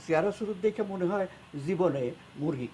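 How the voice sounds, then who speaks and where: A man's voice: high-pitched, normal speed, warm tone, slight background noise, close to an everyday voice. An actor playing an older father-in-law in a comic TV drama, grumbling and defensive toward his wife.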